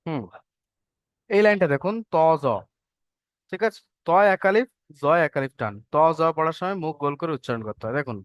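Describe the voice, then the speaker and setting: A man's voice: fairly high pitch, very animated, quick pace, clean tone, dry recording. A man teaching Arabic letters to an online class, patient and checking often that students follow. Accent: Bengali. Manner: patient, repeats and checks understanding.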